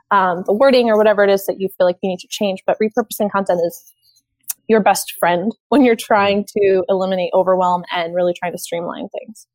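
A woman's voice: mid-range voice, a little mellow, dry recording, rough recording. A woman social media consultant giving advice in a podcast interview, explaining in a casual way with fillers like "you know" and "like". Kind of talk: conversational interview.

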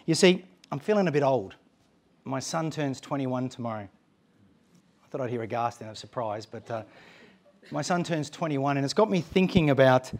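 A man in his forties giving an informal church talk, telling funny family stories and acting out the voices of the people in them. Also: mid-range voice. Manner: animated storytelling, acting out quoted voices. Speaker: guest speaker at a church. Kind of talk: informal sermon with humorous anecdotes.

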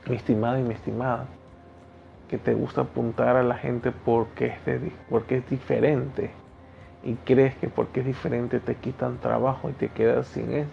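A man's voice: mid-range voice, vocal fry, slight background noise. A man in his thirties from Ecuador with an Ecuadorian Spanish accent, hosting a motivational solo podcast and speaking bluntly and preachily straight to the listener. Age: 30s. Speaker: podcast host. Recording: dull lo-fi sound with faint music.

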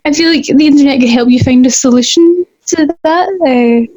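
A woman's voice: sits high, moderate pace, a little mellow, dry recording. A young woman, chatting hesitantly on a podcast with giggles and fillers, on a dull lo-fi recording. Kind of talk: casual chat. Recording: dull lo-fi sound.

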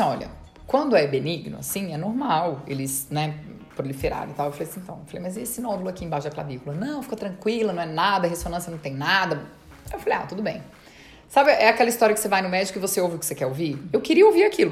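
Woman, interview guest, fast chatty storytelling, lowish voice. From Brazil. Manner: fast, chatty retelling with quoted dialogue. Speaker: dentist and marathon runner. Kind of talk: casual storytelling.

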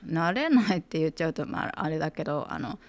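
A woman's voice: low-pitched, animated, quick pace, a little mellow. A woman co-hosting a casual chat, teasing and questioning with frequent nods. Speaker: podcast co-host.

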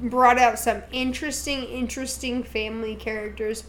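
Young woman co-host, casual podcast chat, swears freely, lively storyteller, slightly high voice. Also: moderate pace. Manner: profane, animated storytelling.

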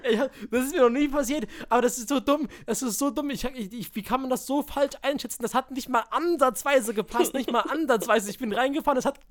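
A man telling a story in casual chat, animated, acting out quotes, swearing and laughing. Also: extremely high pitch, a little fast, hardly any pauses. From village.

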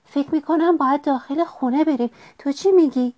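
Storybook: a woman voicing a jittery little boy turtle, squeaky and frightened. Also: steady tone, a little mellow, lightly acted. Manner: frightened, pleading. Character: timid young male turtle.

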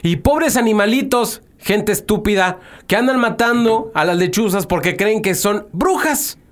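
A man's voice: sits high, animated, a little slow. A man with a Mexican accent co-hosting a casual comedy chat, mocking and slangy in his talk. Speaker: podcast co-host.

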